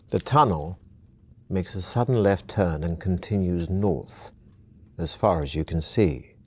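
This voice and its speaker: Man narrating an adventure game, very deep voice, dry close sound. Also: no echo. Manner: measured, steady. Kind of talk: second-person scripted narration.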